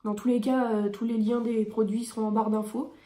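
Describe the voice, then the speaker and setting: A woman's voice: on the high side, flat delivery, brisk, mellow, roomy sound. A woman beauty vlogger reviewing her favourite products in a chatty, enthusiastic way with frequent hesitations.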